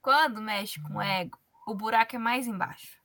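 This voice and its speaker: High, bright-voiced Brazilian woman. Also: normal speed. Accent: Brazilian Portuguese. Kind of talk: conversational religious discussion.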